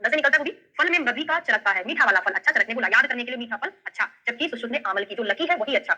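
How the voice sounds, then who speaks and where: Brisk bright-voiced woman with a Bundelkhandi lilt. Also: fairly high pitch, expressive, slightly rough, poor audio. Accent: Bundelkhandi Hindi. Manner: explains step by step and keeps checking in with questions. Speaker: Ayurveda tutor. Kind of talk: online lesson with memory tricks.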